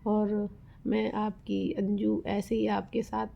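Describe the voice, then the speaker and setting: A woman speaks straight to her viewers in a low-key, heartfelt vlog, her words loose and rambling. Her voice has a gravelly, husky grain and stays flat in pitch. The recording sounds dull and lo-fi. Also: takes it slowly. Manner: earnest, rambling, addresses viewers as guys. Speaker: vlogger. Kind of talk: casual heartfelt vlog talk.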